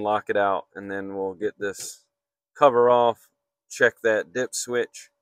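On a flat commercial rooftop outdoors, an HVAC technician talks through a hands-on repair slowly and matter-of-factly as he works. His voice is slightly low yet fairly bright, clean and dry with no room echo.

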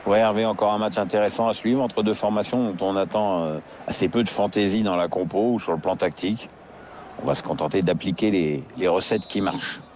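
A man's voice: deep voice, fairly even intonation, fairly quick, lightly acted. A man playing a wry football pundit in a video game, analysing play in a conversational way. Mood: wry analysis. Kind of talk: analytical sports commentary. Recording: loud stadium noise behind the voice.

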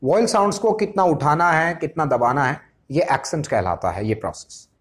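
A man's voice: fairly high pitch, very animated. Man teaching English pronunciation. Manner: slows down and stretches words when explaining English terms. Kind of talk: explanatory lesson.

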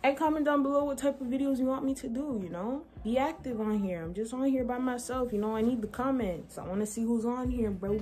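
A woman's voice: fairly high pitch, brisk, hardly any pauses, a little mellow. Chatty young woman vlogging, slangy. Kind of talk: casual vlog chat. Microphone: phone. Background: music playing.

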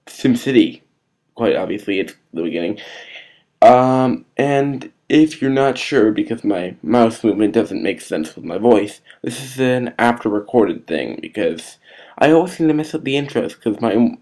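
A man's voice: mid-range voice, a little mellow. A man giving casual, rambling commentary while playing a video game, often hesitating with fillers. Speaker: let's play gamer.

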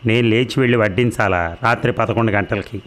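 A man voicing a proud, domineering middle-aged wife who answers with drawling, haughty retorts, in his own low voice. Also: brisk, a bit bright, natural voice.

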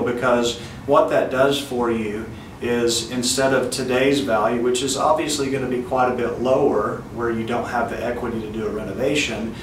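A man in his thirties gives a loose, conversational product pitch full of filler words. His voice sits at an ordinary middle pitch. He sounds a little distant from the mic, in a roomy office with a faint hiss behind him. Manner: relaxed, conversational, with frequent "um" fillers. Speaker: bank loan officer. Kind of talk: casual to-camera product pitch. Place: indoor office in front of a wall poster.

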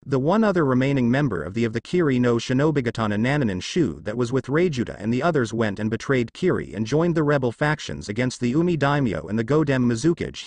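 Man reading a story in a lively voice. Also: mid-range voice, no echo. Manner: steady read-aloud storytelling. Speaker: fanfiction narrator. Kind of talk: scripted narration.

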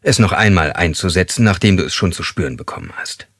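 A man voicing a calm, controlling male serial killer, speaking slowly and with menace. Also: deep voice, dry recording, studio quality, heavily acted. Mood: coldly calm. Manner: slow, measured and menacing, at times hissed.

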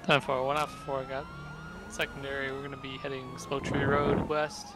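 A man in character as a police officer in a game roleplay, calling in units in plain, steady radio talk. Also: medium pitch, normal speed. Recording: noisy game voice chat with sirens.

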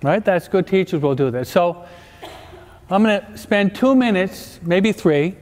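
A man's voice: high-pitched, expressive, measured pace, darkish tone. A man giving a parish talk as a priest, mixing jokes with teaching and often checking in with his audience. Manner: joking, keeps checking the audience with questions. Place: large church. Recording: echoey church with long reverb.

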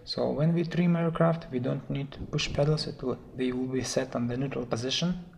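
A man with a non-native English accent, teaching in a halting, hesitant way with many fillers, his voice thick and swollen-sounding from a sore throat. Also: medium pitch, steady tone, creaky, darkish tone. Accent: foreign, non-native English. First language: not English. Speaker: flight theory instructor. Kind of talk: slide lecture explanation. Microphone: voice-over on slides. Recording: noticeable background noise.

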